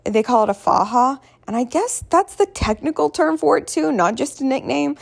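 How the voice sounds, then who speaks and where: A woman with a hoarse voice telling a personal story casually, in a candid, rambling, self-deprecating way. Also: high-pitched, expressive, normal speed. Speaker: vlogger.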